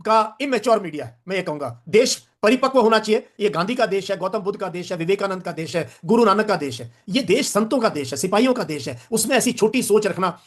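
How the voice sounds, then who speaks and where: A man's voice: high-pitched, expressive, fairly quick, few pauses. An older man, a retired veteran, giving emphatic, lecturing interview answers and repeating phrases for stress. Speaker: retired veteran diplomat guest.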